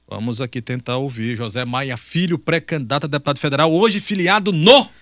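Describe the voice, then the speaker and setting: A man's voice: mid-range voice, fairly quick, a bit bright, dry recording. Chatty northeastern Brazilian man hosting radio. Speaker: radio host interviewing a politician. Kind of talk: live radio interview.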